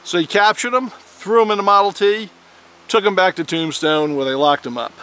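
Bright-voiced man telling a folksy story. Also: high voice, moderate pace. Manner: animated storyteller, with dramatic shouted quotes. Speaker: firearms video host.

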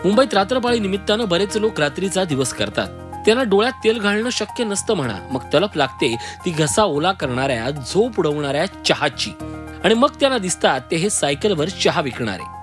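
A man's voice: high voice, big pitch swings, a little fast. A male reporter reading a descriptive, lyrical news feature narration. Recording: voice-over with music bed.

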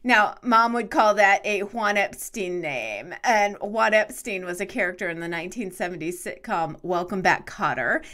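A woman's voice: mid-range voice, lively intonation, normal speed, hardly any pauses, a bit bright. A woman co-hosting a podcast, talking casually and laughing easily. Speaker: podcast co-host. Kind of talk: casual chat.

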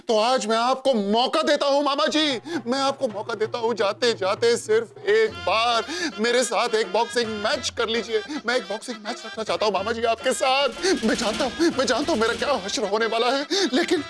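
Flustered professor son-in-law. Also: male voice, very high-pitched, normal speed. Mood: pleading. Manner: flustered, pleading. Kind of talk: TV comedy drama acting. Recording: background music under dialogue.

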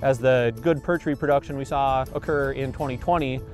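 A medium-pitched, steady, fairly quick male voice belongs to a fisheries biologist in his forties being interviewed outdoors by a river. He's earnest and explanatory, with frequent fillers and restarts, and soft background music plays.

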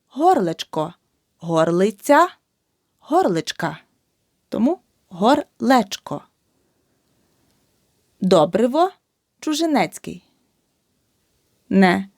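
A woman teacher slowly drilling spelling, saying words one by one with emphasis. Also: medium pitch, darkish tone, dry recording, clean studio sound. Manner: slow, emphatic word-by-word dictation. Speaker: language teacher.

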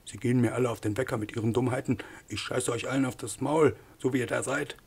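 A man's voice: mid-range voice, fairly even intonation, fast, gravelly, darkish tone, slightly rough. A man voicing a crude, insolent young male assistant doctor in an audiobook, talking rudely and picking fights. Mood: quarrelsome. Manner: rude and quarrelsome. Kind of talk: audiobook character voice.

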